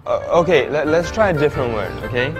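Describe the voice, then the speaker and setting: A man's voice: a little high, animated, brisk. A man playing a patient teacher in a comedy sketch, leading the class through words to repeat. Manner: patient, instructing, leads repetitions. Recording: background music under speech.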